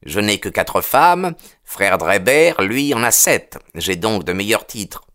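Guy doing a cocky young suitor in an audiobook, voice pitched up, pushy. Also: very animated, slow pace, sharp tone, full character voice. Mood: boastful. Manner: raised, insistent pitch. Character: young man, arrogant elder's son, smug.

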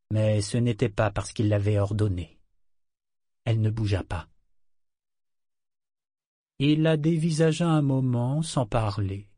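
Male narrator for a fantasy audiobook, measured delivery, mid pitch, dry close sound. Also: warm tone, no echo. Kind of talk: scripted narration.

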